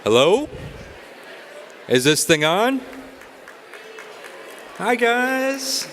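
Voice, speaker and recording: A man's voice: very high-pitched, sing-song, drawn-out words, a bit bright, soft background music. A man who co-anchors TV news, emceeing a live gala in a large banquet hall with playful joking.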